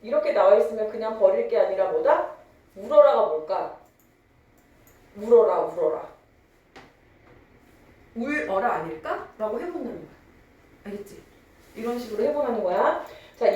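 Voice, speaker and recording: A woman's voice: fairly high pitch, dark tone, heavy reverb, far from the mic, highs cut off. A young woman teaching a literature lecture, chatty and teasing, mixing casual and polite speech. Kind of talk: online lecture.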